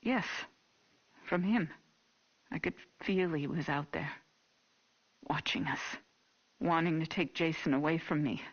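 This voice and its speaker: An unhinged, vengeful American mother in a dramatic horror game. Her voice is husky and curt, heavy with grief and menace. It comes through a dull, muffled old tape. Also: deep voice, unhurried, pauses often, full character voice. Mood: haunted. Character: unhinged, grieving, vengeful mother of a lost boy. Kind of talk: dramatic game voice acting as a taped police interview.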